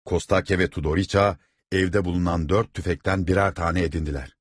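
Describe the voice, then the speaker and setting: A man reading a novel aloud as narrator, with steady, dramatic storytelling. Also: sits low, brisk, husky, dry recording, clean studio sound.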